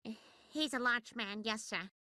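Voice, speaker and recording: An actress playing a polite, concerned suburban wife and mother in an animated sitcom, with a nasal voice. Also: on the high side, normal speed, no echo, studio quality. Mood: polite, worried.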